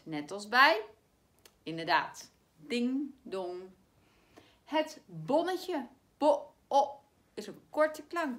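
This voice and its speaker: A woman teacher with a Dutch accent giving a spelling lesson to primary pupils, saying words slowly and clearly so they can be spelled. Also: fairly high pitch, a bit bright. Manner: slow, clear, stretches words to spell them out.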